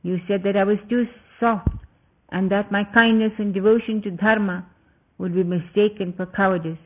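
A man voicing an anguished, passionate young prince who cries out his words loudly, heard through a tinny phone-like recording. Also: high voice, steady tone, moderate pace. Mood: grieving. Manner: impassioned, loud exclamations.

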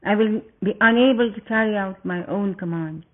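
A stern king, cold and commanding while grief sits under his words, as a storyteller puts him on. The voice is fairly high. It comes through thin and tinny, like a phone line. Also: normal speed, close to an everyday voice.

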